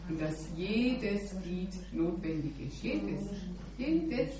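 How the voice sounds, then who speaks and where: At a church meeting, a woman shares earnestly in an informal devotional talk, frequently adding an affirming "ja". Her medium-pitched voice is expressive and dark-toned and she takes it slowly, picked up by a distant, echoey room mic with background noise.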